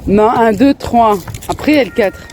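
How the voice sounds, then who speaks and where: A woman's voice: fairly high pitch, moderate pace. A woman in her thirties chatting casually in a family vlog, laughing often and breaking off to talk to her children outdoors. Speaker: family vlogger. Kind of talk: casual vlog chat while out with her kids. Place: outdoors in a park. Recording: faint outdoor street noise.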